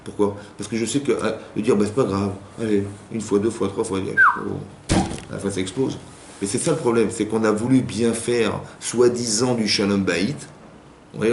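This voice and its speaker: A man with a fairly low, slightly mellow voice teaches women informally as a rabbi in a community hall. His style is conversational, full of repetitions and restarts, and he acts out spouses he quotes. The recording has an echoey room sound and a faint hum.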